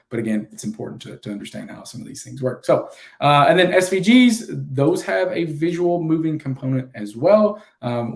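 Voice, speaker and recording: A man teaches in a loose, conversational way, dropping plenty of ums and uhs as he goes. His voice sits at an ordinary middle pitch. It sounds like a relaxed livestreamed class rather than a polished lecture. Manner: relaxed, with many fillers. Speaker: instructor. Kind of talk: casual livestreamed lesson.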